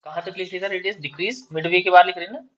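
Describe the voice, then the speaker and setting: A man's voice: high voice, steady tone, a bit bright, dull audio. A man teaching chemistry, lecturing his class and dictating answers to write down. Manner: switches between rapid chat and slow word-by-word dictation.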